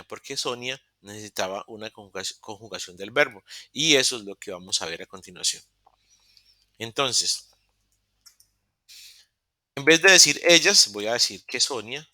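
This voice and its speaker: A man teaching a virtual English lesson, his voice bright and sharp-edged in a dry, close recording. He walks through each point patiently, pausing to ask "ok?" and restarting words when he slips. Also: mid-range voice, animated, dry recording. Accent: Latin American Spanish. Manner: patient, explaining step by step with frequent "ok?" checks; self-correcting, restarts mid-word. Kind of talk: online beginner English class. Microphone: computer mic in a virtual session.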